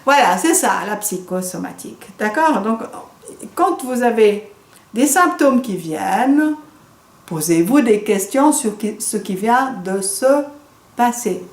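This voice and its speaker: A woman doctor with a French accent, teaching a course, who tells a patient case in a lively way and acts out the dialogue. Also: fairly high pitch, slow. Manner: lively, animated storytelling with quoted dialogue. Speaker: doctor and trainer. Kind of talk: storytelling lecture. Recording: echoey room.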